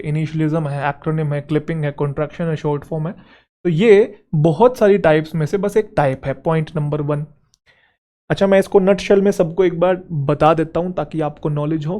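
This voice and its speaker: A man teaching English grammar for exam preparation, explaining step by step and checking in with quick rhetorical questions. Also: a little high, dark tone. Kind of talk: Hindi exam-prep lecture.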